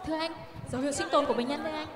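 A woman's voice: sits high, steady tone, rapid-fire, crowd noise, lightly acted. A woman playing a polite but firm nurse in an amateur stage drama. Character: dutiful young female nurse. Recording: reverberant hall.

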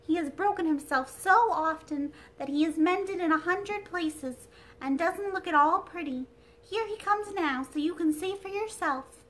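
A tiny porcelain princess, played by a woman reading a storybook aloud, speaks in a high, fragile little voice. She is prim and easily frightened, as if she might break. Her tone is delicate and proper. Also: a little slow, a bit bright, rough recording. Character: timid dainty china doll princess.

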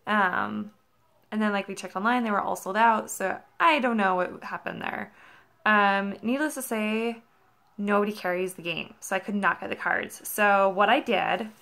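A young American woman chatting casually to camera in a rambling review, peppering her story with filler likes. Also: medium pitch. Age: young adult. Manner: rambling, animated storytelling with frequent "like". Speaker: vlogger reviewing a product. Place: carpeted living room at home.

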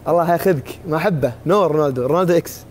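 A man's voice: a little high, racing. A young man with a Bedouin Gulf Arabic accent and a slightly strained voice, chatting casually on a group live stream. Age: young adult. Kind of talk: casual chat. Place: indoor sitting room. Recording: faint background noise, live-stream call audio.

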